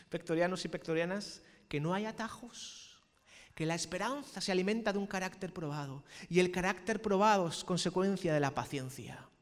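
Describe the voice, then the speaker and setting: A man from Spain preaching a sermon as pastor, animated and playful, with shouted peaks. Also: high voice, moderate pace, in a large hall. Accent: Spanish from Spain.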